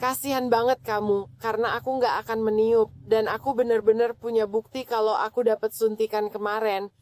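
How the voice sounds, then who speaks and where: A woman with a fairly high-pitched voice, sounding drunk. She challenges and taunts the officers around her, keeping up a combative argument at a traffic stop. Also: steady tone, a little fast, a little mellow. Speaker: detained driver, intensive care nurse. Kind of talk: heated confrontation with police.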